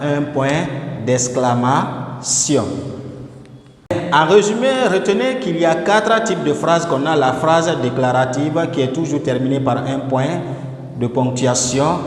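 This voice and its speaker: Slow-talking man teaching grammar. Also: mid-range voice. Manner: slow, repeats words and breaks them off mid-word. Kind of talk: grammar lesson. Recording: echoey room with long reverb and faint noise.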